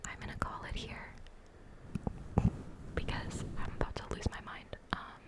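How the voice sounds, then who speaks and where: A woman in a whispered role-play, playing and reading a game aloud in a soft, chatty whisper and reacting as she goes. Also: a little slow. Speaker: ASMR creator.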